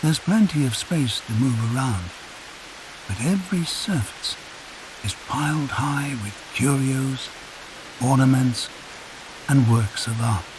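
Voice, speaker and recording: A man narrating a guided sleep meditation in a soft, calm, unhurried storytelling voice. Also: mid-range voice. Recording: hissy recording with rain sounds behind. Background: rain.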